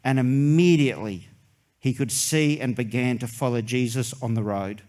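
A man, a pastor preaching a sermon in an earnest way, with long pauses and soft dramatic drops. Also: medium pitch.

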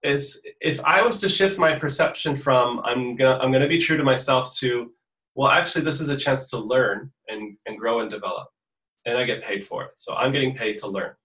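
A man with a bright, forceful voice gives a guest's answers in an interview, earnest and reflective, restarting phrases as he works out his thoughts. The recording has a roomy echo around him. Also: medium pitch, fairly quick, recorded from a distance. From born in the US, raised in Portugal from fifteen. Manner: earnest, thinks aloud with restarts. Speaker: musician guest.

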